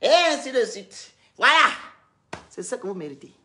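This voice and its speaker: A woman's voice: on the high side, sing-song, moderate pace, bright, forceful tone. Scolding woman streaming live. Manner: scolding, repetitive, lecturing. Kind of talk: heated live-stream rant.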